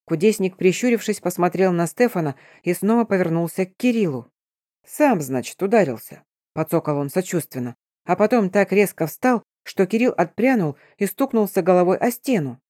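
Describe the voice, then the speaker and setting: A woman narrating an audiobook in an even storytelling manner. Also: lowish voice, a little fast, no echo, studio quality.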